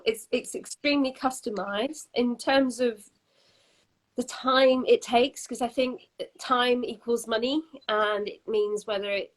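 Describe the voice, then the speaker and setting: Woman interviewer, slightly high voice, rambling hesitant questions. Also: rough recording.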